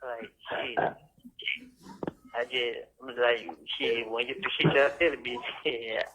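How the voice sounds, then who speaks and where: A man's voice: mid-range voice, level tone, slow pace, bright, forceful tone, a little hiss or hum. A man on a payphone call from jail, talking loose and slangy with a lot of cursing. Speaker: incarcerated caller. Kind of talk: casual phone chat. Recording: muffled jail phone recording.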